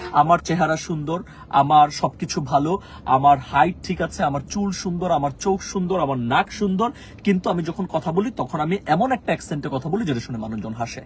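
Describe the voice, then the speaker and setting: A man with a fairly high voice gives a motivational English lesson. He talks quickly, then slows right down to repeat short English phrases for emphasis. A faint hum of noise runs underneath. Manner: earnest, repeats key phrases slowly; mixes slow emphatic English into fast talk. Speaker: English teacher.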